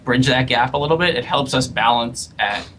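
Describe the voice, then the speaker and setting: A man, a game developer, thinking aloud in a casual podcast panel discussion, often pausing and restarting. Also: medium pitch, pushed and bright, a little hiss or hum. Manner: hesitant, many fillers and restarts.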